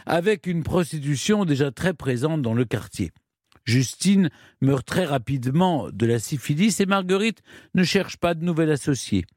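A man telling a history story in measured, scripted narration with dramatic pauses. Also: on the high side, darkish tone, dry recording, clean studio sound.

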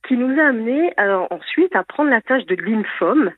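A woman forest guide speaks as a radio interview guest, measured and often restarting her phrases. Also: fairly high pitch, lively intonation, no room sound. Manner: measured, with frequent fillers and restarts. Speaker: certified forest bathing guide. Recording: phone-like dry radio line.

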